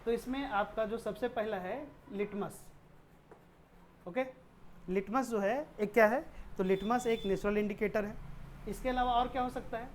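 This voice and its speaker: A woman's voice: a little high, moderate pace, pauses often, a little hiss or hum. A woman teaching a chemistry lesson who keeps asking rhetorical questions and answering them, with English technical terms mixed in. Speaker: science teacher. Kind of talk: classroom-style chemistry lesson.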